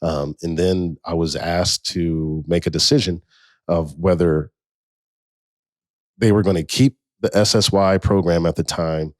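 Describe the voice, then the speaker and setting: A man in his forties, a podcast co-host, telling his story in a relaxed, slangy way. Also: deep voice, unhurried, dry recording. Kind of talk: casual conversation.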